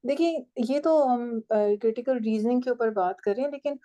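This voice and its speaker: A woman's voice: fairly high pitch, moderate pace, mellow, low-quality recording. A woman teaching a writing and language class, explaining step by step and checking that her students follow.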